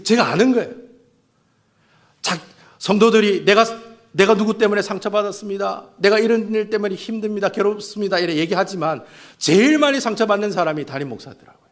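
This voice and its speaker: A man, a pastor preaching a sermon in an animated way, asking rhetorical questions and acting out quoted speech. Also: sits high, brisk.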